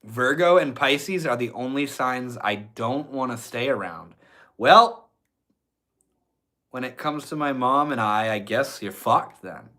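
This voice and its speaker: Here a young livestreamer with a congested nose reads out chat slowly, his medium-pitched voice animated, bright, and forceful. He keeps it laid-back, talks with viewers, and curses freely.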